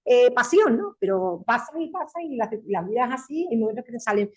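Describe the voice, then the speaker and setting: A reflective woman around fifty with a Spanish accent, speaking on a panel. Her voice is somewhat husky, and she often checks in with the listener at the end of a thought. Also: a little high, animated, a little fast, darkish tone. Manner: reflective, frequent tag questions. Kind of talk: panel discussion.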